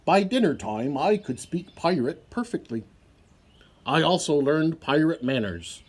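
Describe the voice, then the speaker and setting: A man with a fairly high voice reads a children's picture book aloud, a little slowly, in an expressive storytelling style.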